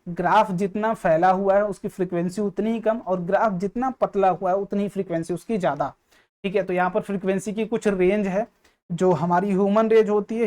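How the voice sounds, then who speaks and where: A man teaching a physics lesson, patiently walking students through each point and often checking that they follow. His voice has a soft, mellow warmth. He mixes English terms into his explanations. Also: high voice. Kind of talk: online exam-prep lesson.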